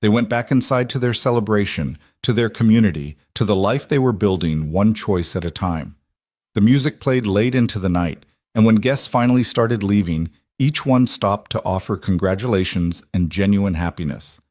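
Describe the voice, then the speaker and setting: A man reading a western audiobook in a measured scripted narration. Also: fairly low pitch, lively intonation, darkish tone, dry recording.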